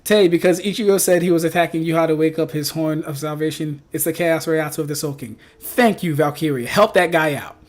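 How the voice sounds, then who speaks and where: A young man streaming live, reading chat and riffing on anime debates with teasing, animated banter and frequent laughter. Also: on the high side, brisk, few pauses. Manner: animated, teasing, repetitive riffs, laughs often.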